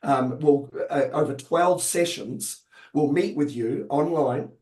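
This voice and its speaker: Man, webinar presenter, halting, filler-heavy, voice going hoarse, echoey room. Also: fairly high pitch, darkish tone. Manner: hesitant, many fillers and restarts. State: losing his voice. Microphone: online video call.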